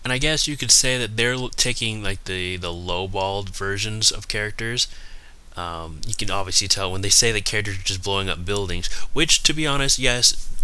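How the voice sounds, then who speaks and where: Low, very bright-voiced man rambling. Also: smooth, poor audio. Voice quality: slightly numb-mouthed articulation after dental work. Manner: rambling, halting, backtracking mid-sentence. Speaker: YouTube video host. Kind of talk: casual unscripted commentary on fan debate.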